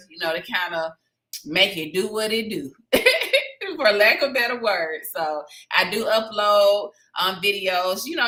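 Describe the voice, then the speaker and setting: Casting: bright-voiced woman, realtor hosting a livestream, chatty and promotional. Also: medium pitch, rough recording. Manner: chatty and promotional, with southern "y'all". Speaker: real estate agent hosting a weekly live stream. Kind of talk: casual live-stream talk to viewers.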